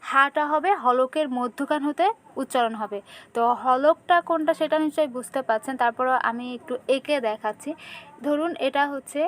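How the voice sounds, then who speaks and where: A woman's voice: high-pitched, moderate pace. A woman teaching Quran letter pronunciation step by step, patiently repeating each sound for beginners to follow. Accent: Bangladeshi Bengali.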